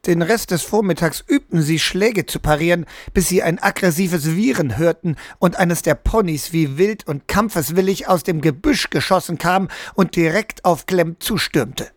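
Male narrator, fairly high voice, dry close studio sound, steady scripted storytelling. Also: moderate pace, few pauses, no room sound. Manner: steady storytelling, lifts his voice for the characters' quoted lines. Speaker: audiobook narrator.

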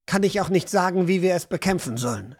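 A woman reading an audiobook, voicing a burdened male guard captain in a lowered, hesitant, serious voice. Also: lively intonation, quick pace, a little mellow.

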